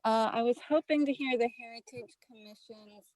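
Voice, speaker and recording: A woman's voice: fairly high pitch, normal speed, a little mellow, rough recording. A woman calling in from home to ask polite, hesitant questions in a webinar, her line breaking up and dropping out. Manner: polite, hesitant, with many fillers. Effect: call audio breaking up and cutting out. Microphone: remote call line.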